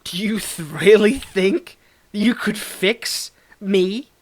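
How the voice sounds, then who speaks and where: Slow and scornful, a man voices a domineering villain in an intimate audio drama, his pitch a touch higher than most men's. The scripted monologue is aimed closely at one listener, intense, cold and condescending with a hidden fondness, and theatrically swings from rants to hushed murmurs.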